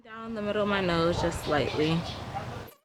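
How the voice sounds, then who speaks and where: Outdoors in a leafy garden, a young beauty vlogger chats casually to the camera, talking through her makeup step by step as she applies it. Her voice is on the low side and her speed normal, while traffic hum and outdoor noise sit under the recording.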